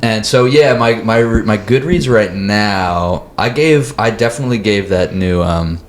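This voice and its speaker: A man in an improvised comedy chat, rambling in a deadpan way with sudden loud bursts. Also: lowish voice, unhurried. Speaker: comedy podcast guest playing a librarian.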